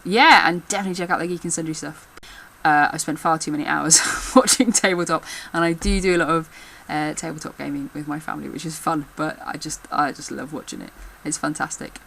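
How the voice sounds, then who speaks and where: A middle-aged vlogger from the English Midlands chats casually to camera from a room at home, rambling and laughing often. Her voice is fairly low yet bright and forceful, captured on a camera mic in a low-quality recording.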